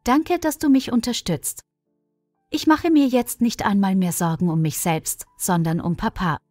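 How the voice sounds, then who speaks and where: A woman voicing a young pregnant village woman, quiet and resolute, in a storybook reading. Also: mid-range voice, measured pace, dry recording, clean studio sound, soft background music, close to an everyday voice. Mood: earnest.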